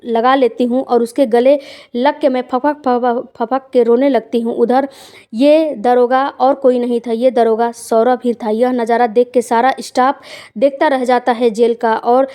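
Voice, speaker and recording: A woman narrates a first-person story, speaking plainly and conversationally with quiet emotional weight. Her voice sits a little high, and its tone is soft and mellow. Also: steady tone, a little slow.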